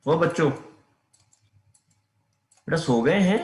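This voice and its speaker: A man's voice: a little high, lively intonation, extremely slow, echoey room. A man teaching a math class online, often calling his students "beta" and checking whether they can hear him. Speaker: math lecturer.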